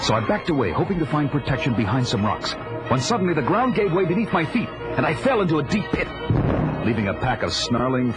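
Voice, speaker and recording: A man's voice: medium pitch, rough recording. An actor playing a fierce, proud barbarian warrior who recounts his life in grandiose, theatrical audio-drama style. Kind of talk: dramatic first-person narration, 1980s audio drama. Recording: dramatic music under the voice.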